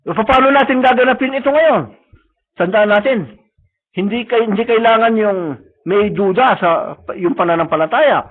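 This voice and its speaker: A man preaches with a very high voice, switching between Tagalog and English and tagging his points with quick checks to the listeners. The sound is thin and phone-like, as if from a live stream. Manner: mixes Tagalog and English, frequent tag questions. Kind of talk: sermon. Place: church service.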